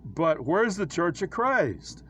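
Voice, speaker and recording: A man with a somewhat high voice talks through his own drawings in a casual, halting way, full of fillers and restarts. His tone is preachy and wry. A faint hiss of ambient noise sits under the recording. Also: big pitch swings, sharp tone. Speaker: church critic presenting his own illustrations. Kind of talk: casual screen-share commentary.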